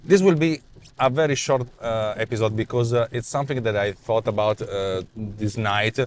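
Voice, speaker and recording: An Italian man in his forties, a vlog host and app developer, rants casually about his app ideas from inside a parked car during the day. His voice sits on the low side at a moderate pace, and he's animated and gestures a lot, with plenty of fillers and repeated words. A clip-on lapel mic picks him up.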